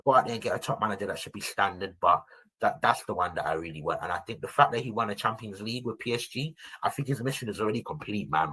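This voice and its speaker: Animated young man talking football. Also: mid-range voice, breathy edge, rough recording. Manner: animated slangy banter, addressing listeners as people. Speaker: football podcast pundit. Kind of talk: casual fan chat.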